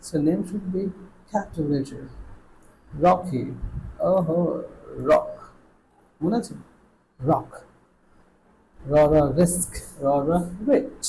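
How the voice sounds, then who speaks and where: A Bangladeshi man teaching English pronunciation online, stretching out each sound in slow drills and moving between Bengali and English. His voice sits a little high for a man, yet it has a soft, mellow tone. A faint hiss runs under the recording. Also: rough recording.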